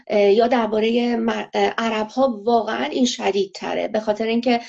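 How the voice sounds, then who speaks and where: A woman answering interview questions in a measured, analytical way, pausing often with fillers. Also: on the high side, steady tone, creaky, darkish tone. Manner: measured, hesitant, many filler pauses. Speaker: interview guest. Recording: lo-fi muffled audio.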